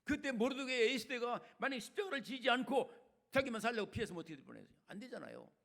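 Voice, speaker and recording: An older man preaching a sermon as a retired senior pastor, colloquial and chatty, swinging between loud emphatic lines and quiet asides. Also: very high voice, sing-song, fast talker, creaky.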